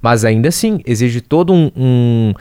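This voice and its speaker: A man's voice: medium pitch, animated, a little slow, a little mellow, clear, resonant tone, no room sound, studio quality. A Brazilian man hosting an interview, talking reflectively and searching for words at times. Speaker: host. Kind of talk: interview talk.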